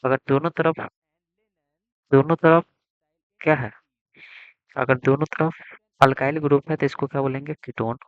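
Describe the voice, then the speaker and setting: A man's voice: mid-range voice, steady tone, moderate pace, pauses often, dry recording. Man teaching chemistry, quizzing his students. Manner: repeats questions and prompts students to answer. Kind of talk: board exam lesson. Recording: dry, dull lo-fi sound.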